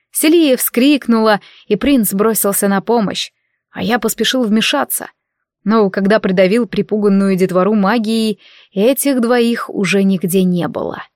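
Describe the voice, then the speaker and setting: A woman narrating a fantasy novel in an even, measured storytelling voice. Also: mid-range voice, no echo, clean studio sound. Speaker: audiobook reader.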